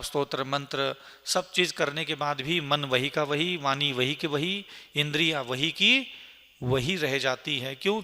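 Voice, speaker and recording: A monk preaches to a gathered audience, and his earnest voice sits a little high for a man. He builds his points through long lists and rhetorical questions, and a long reverb trails each phrase around the hall. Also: sharp tone. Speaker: Jain monk giving a Q&A discourse. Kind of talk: sermon answering questions.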